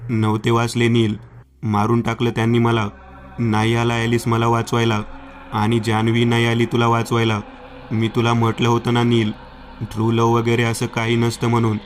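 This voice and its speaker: A man's voice: medium pitch, completely flat delivery, moderate pace, slight background noise, close to an everyday voice. A man voicing a vengeful ghost woman of an island cave, cold and taunting, in a horror story.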